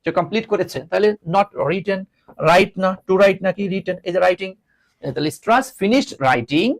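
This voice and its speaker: Man, English grammar tutor, fairly high voice, lively and animated, repeats each point, teasing asides. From Bangladesh. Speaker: English teacher. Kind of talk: video lesson explaining grammar.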